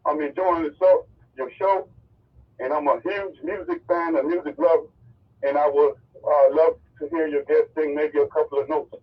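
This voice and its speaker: A man phones in to a radio show. He talks earnestly and quickly, his voice a bit husky. The tinny phone line sounds thin and distant. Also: on the high side, fairly even intonation. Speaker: radio caller. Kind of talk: casual call-in chat.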